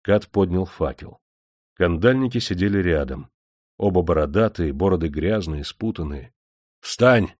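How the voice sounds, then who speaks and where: Deep-voiced male audiobook narrator. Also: animated, normal speed, a little mellow, dry recording, studio quality. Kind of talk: dramatic storytelling narration.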